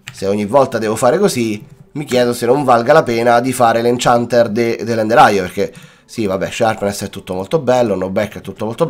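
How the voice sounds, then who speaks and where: A young Italian man giving chatty, playful gameplay commentary, talking to his viewers and mixing in English words, with a cough-worn voice. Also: medium pitch. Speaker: gaming YouTuber. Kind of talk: casual Let's Play commentary. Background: faint background music.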